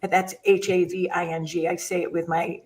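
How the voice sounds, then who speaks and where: A woman's voice: on the low side, little pitch movement, fairly quick, distant mic, rough recording. Older woman telling stories, off-mic. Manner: storytelling, rambling, self-interrupting. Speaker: guest, mindset chaplain. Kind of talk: casual conversation.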